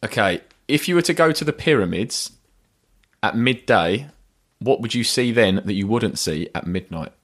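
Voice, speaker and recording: A man's voice: on the low side, expressive, moderate pace, a bit bright. Playful man running a quiz. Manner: playful, teasing. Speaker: podcast host and quizmaster. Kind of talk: casual chat, reading quiz questions.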